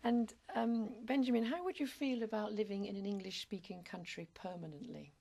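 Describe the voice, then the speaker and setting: Lady examiner reading test prompts, polite and formal, raspy gravelly voice. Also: mid-range voice, a little fast, mellow. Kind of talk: scripted exam questioning.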